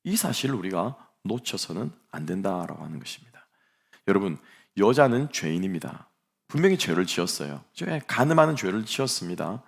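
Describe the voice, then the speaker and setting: A middle-aged male pastor preaches a sermon, retelling a vivid scene and turning to the congregation with rhetorical questions. His voice sits low with a gravelly edge. His pitch rises and falls in a lively way. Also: a little fast.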